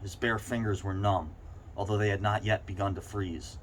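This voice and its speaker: A man's voice: lowish voice, steady tone, normal speed. A man reading a short story aloud, stumbling slightly over words now and then. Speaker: reader. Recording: clearly noisy background ambience.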